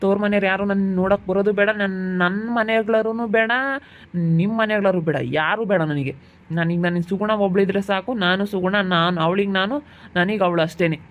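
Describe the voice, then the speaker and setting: A man's voice: high voice, steady tone, brisk, narrow, tinny audio, natural voice. A man playing an angry young husband who keeps scolding. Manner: heated, repetitive scolding. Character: angry young husband guarding his sick wife. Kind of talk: amateur village family drama.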